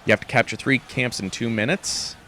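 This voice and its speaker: A man's voice: mid-range voice, steady tone, brisk, bright, forceful tone, slight background noise. A man live-streaming a game, chatting casually with rambling asides and fillers. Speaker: gaming streamer.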